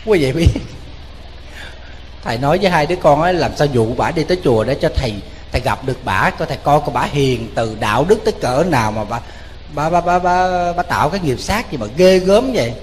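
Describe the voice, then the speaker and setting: A Buddhist monk with a Southern Vietnamese accent preaches in a lively, joking storytelling way, turning often to his listeners. His voice sits fairly high for a man. The sound rings with a long hall reverb over a faint hiss. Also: brisk. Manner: lively, joking, addresses the audience directly. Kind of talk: storytelling sermon. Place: temple hall.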